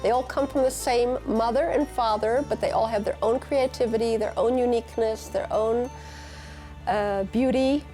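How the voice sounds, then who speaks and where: An older woman talking about her life in an interview, reflective and unhurried. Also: on the high side, fairly even intonation, mellow, faint music behind. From United States. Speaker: teacher and community leader.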